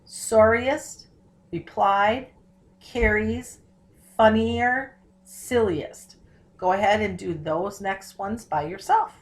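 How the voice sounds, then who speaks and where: Woman teacher slowly modeling phonics words. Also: medium pitch. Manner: slows down and stretches words to model spelling and syllables; asks questions and answers them herself. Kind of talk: recorded phonics tutorial.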